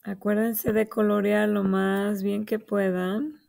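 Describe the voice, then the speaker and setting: A woman's voice: medium pitch, level tone, slow, vocal fry, darkish tone. A woman teacher walking young children through writing a short sentence, patiently spelling out letters and pointing to each word. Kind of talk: slow early-grade writing lesson for children.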